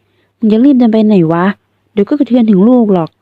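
A woman's voice: on the high side, fast, no room sound, pitched above the performer's own voice, natural voice. A woman puts on a possessive young man in a read-aloud novel. He is blunt and coarse, and talks down with easy confidence. The sound is thin and phone-like, with no room around it. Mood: smug. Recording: tinny phone-like sound, dry.

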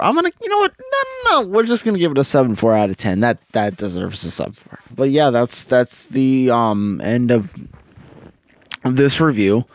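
A man's voice: mid-range voice, darkish tone, no room sound. A man in his twenties giving a casual, drunk and rambling review into a close microphone. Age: 20s. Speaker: music reviewer. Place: small home music room, indoors. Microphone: close boom-arm microphone with headphones.

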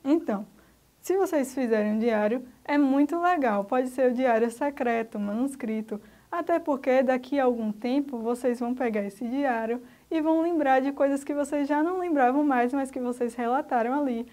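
Her voice is high-pitched and mellow, and she speaks at a moderate pace. This Brazilian Portuguese-accented teacher leads a recorded remote school lesson, guiding children patiently through grammar step by step.

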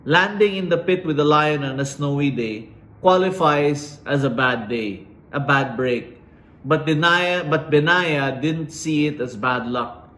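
Middle-aged male commencement speaker, slow deliberate inspirational delivery, roomy echo. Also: a little high, fairly bright tone. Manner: slow and dramatic, with emphatic pauses. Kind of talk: inspirational speech. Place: indoors against a plain wall. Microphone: fixed camera at chest framing.

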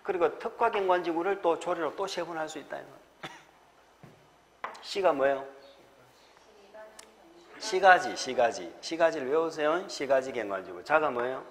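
A man with a Gyeongsang accent, pitched a touch high, drills students through mnemonics in an exam-prep lecture, with frequent little chuckles. His voice carries a long hall reverb over faint background noise. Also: lively intonation, measured pace, pauses often, a bit bright.

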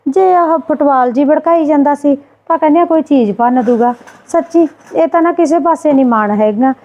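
A woman scolding her sister-in-law in a Punjabi family drama skit, indignant and quick. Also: high voice, a little mellow, lo-fi sound.

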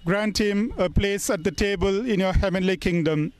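A man speaking as a priest, reading solemn graveside prayers in a measured, deliberate way with pauses between phrases. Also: sits high, slight background noise. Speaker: priest leading a funeral burial service. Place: funeral service in New Delhi.

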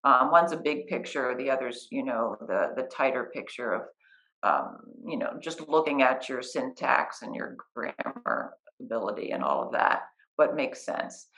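A middle-aged writing coach and editor sits on a living-room couch beside a guest, patiently and practically walking through the steps of her work in a conversational interview. Her very deep voice is highly animated and fairly bright, at a moderate pace, on a low-quality recording.

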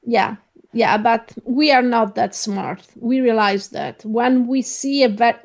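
A woman co-hosting a movie review, speaking as an in a deadpan, exasperated way. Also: on the high side, slow. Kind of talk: casual chat.

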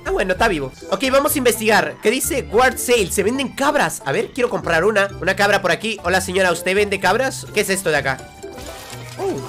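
A young man giving loud, jokey let's-play commentary as a gaming streamer. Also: sits high, fairly quick, soft background music. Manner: loud, excitable, jokey, shouts and laughs a lot.

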